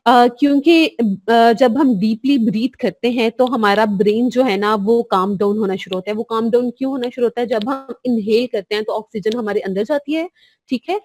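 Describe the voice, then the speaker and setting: A woman's voice: on the high side, moderate pace. A woman, a clinical psychologist giving a live online course in a chatty, casual way, dropping in English phrases. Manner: chatty and warm, mixing in English phrases, reading out chats.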